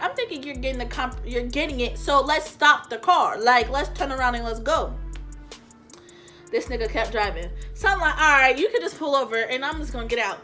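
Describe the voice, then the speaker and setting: A young woman from California vlogging a storytime, talking in a slangy way and acting out the dialogue. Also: high voice. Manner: animated, slangy, acts out quoted dialogue. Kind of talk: storytime vlog retelling.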